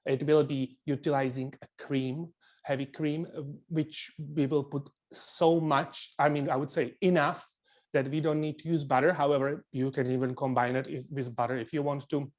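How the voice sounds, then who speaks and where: A man's voice: medium pitch, flat delivery, moderate pace, darkish tone. A man from the Czech Republic with a Czech accent, a chef instructor presenting a live cooking webinar in earnest, loosely phrased non-native English with frequent restarts.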